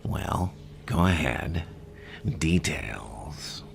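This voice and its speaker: An actor playing a theatrical, menacing madman crime boss in an ASMR roleplay, mocking and drawn-out, often slipping into a whisper. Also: extremely low pitch, lively intonation, slight background noise, exaggerated voice. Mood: mocking, sinister. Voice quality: gravelly.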